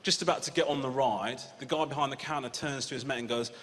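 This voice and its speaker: A man in his thirties performing a stand-up comedy set, animated and swearing freely as he acts out quoted lines. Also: medium pitch, quick pace. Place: large comedy venue with a live audience. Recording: hall reverb with loud audience laughter.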